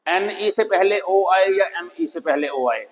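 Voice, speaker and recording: A man gives a phonics lesson at a slow, deliberate pace. His voice sits a little high, and he sounds out example words one by one. A long reverb hangs on everything he says. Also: animated. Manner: slow, deliberate, reading English headings aloud. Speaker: English teacher.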